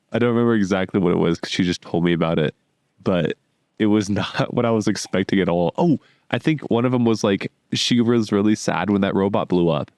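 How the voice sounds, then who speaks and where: Deep-voiced young man, blunt and slangy. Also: a little mellow, no room sound, studio quality. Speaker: podcast co-host. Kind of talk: casual movie review chat.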